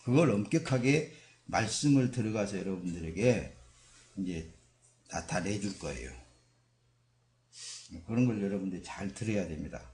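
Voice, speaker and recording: A male pastor delivering a sermon with a gravelly, fry-tinged voice that swings widely in pitch. He preaches emphatically, acting out quoted voices as he goes. The recording carries the roomy echo of a church hall. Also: expressive, normal speed, long pauses, darkish tone. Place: church sanctuary.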